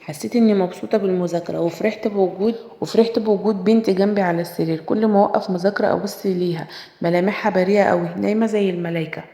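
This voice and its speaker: A woman's voice: mid-range voice, fairly even intonation, racing, dark tone. Egyptian-accented female narrator, sorrowful first-person story; long reverb. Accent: Egyptian Arabic. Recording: echoey room with long reverb.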